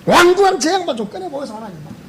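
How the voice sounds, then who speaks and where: Man, pastor, Gyeongsang accent, sermon, animated rise and fall, asks the room questions. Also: very high-pitched, racing, noisy background. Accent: Gyeongsang Korean. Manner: animated, repeats phrases, asks the congregation questions. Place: church.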